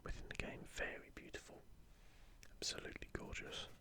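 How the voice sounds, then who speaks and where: This ASMR host speaks in a soft, breathy whisper with no voicing, drifting through slow, meandering remarks and quiet tangents.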